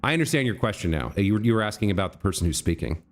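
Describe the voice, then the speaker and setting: A man's voice: lowish voice, big pitch swings, racing. Man casually explaining a game on stream.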